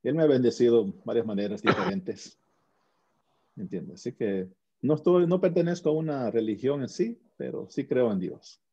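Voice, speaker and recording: A man's voice: mid-range voice, lively intonation, moderate pace, dark tone, a little hiss or hum. A man being interviewed as a guest, recounting his experience in an earnest, conversational way, with frequent restarts and tag questions. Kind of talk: casual conversational storytelling. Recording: muffled lo-fi audio.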